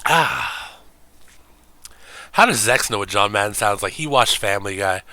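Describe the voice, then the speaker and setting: A man's voice: on the low side, animated, fast talker, pushed and bright, dry recording. A man streaming games, talking in a rambling, profane, casual way and laughing often.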